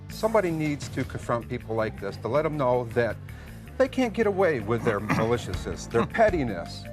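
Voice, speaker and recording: A man's voice: medium pitch, sing-song, normal speed, soft background music. A man, a court show litigant, speaking in an indignant, argumentative way.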